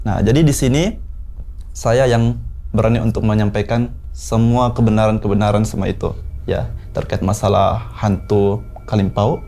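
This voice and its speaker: A man in his twenties from South Sulawesi, telling a horror story in a relaxed, unhurried way with many pauses. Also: fairly low pitch, soft background music. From South Sulawesi, Indonesia. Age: 20s. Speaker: guest storyteller.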